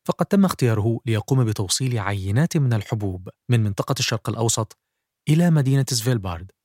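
A man's voice: medium pitch, animated, fast, a little mellow, no room sound, faint music behind. A man hosting and narrating a scripted documentary podcast.

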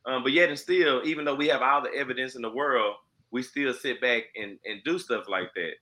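A man's voice: mid-range voice, fairly quick, bright, forceful tone, rough recording. A man co-hosting a podcast, talking earnestly and reflectively about his own week in a casual conversation. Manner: earnest, self-reflective, frequent fillers and restarts. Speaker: podcast co-host.

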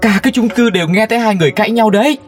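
A woman's voice: on the high side, rapid-fire, lightly acted. A woman voicing a meddling older neighbor in an apartment block who scolds and gossips in a comedy skit, with faint music underneath. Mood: scolding. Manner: nosy, scolding, chatty.

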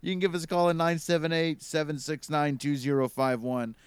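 Podcast co-host, man, smooth resonant voice, jokey and rambling. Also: fairly high pitch, little pitch movement, fairly quick, no echo. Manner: jokey, rambling, laughs often. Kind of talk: casual chat.

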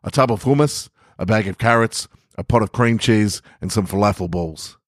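Recovering from a head cold that still colors his voice, an Australian podcast host opens casually and then narrates scripted short stories. He speaks on the low side at a moderate pace, in a dry, studio-quality recording.

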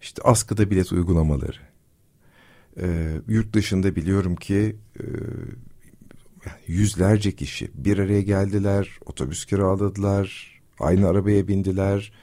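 A man living abroad who explains disinformation in a measured, casual discussion, often pausing with fillers. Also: low voice, steady tone, warm tone. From Turkey.

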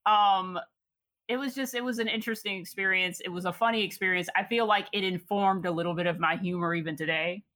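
A woman's voice: medium pitch, steady tone, brisk, sharp tone, no echo. A young woman from Chicago telling a personal story in casual conversation, laughing often and reflecting with many fillers.

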